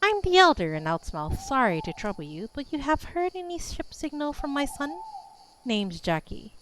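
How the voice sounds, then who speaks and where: A woman's voice: sits high, big pitch swings, moderate pace, a bit bright, pitched above the performer's own voice. A woman reading a worried old village elder. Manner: weary, pleading, then gruff. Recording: noisy recording.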